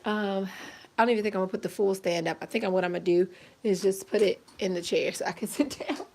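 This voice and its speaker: A young woman talks to her viewers at home in a loose, rambling way, sounding tired and a little short of breath. She calls her audience y'all and laughs between sentences. Her voice carries a medium pitch, and the camera picks her up from a short distance. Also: quick pace, gravelly, a little mellow, slight background noise. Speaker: vlogger. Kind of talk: casual pregnancy update vlog. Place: indoors at home, seated in a chair. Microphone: camera set at a distance.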